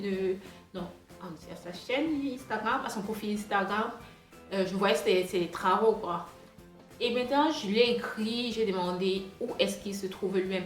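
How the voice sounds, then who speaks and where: A woman talks casually into the camera, full of fillers and restarts, her French marked by a foreign accent. The room gives her voice a noticeable echo. Soft music plays faintly behind her. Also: medium pitch. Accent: non-native French accent. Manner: rambling, chatty, many fillers and restarts. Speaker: hair vlogger. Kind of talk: casual storytime monologue.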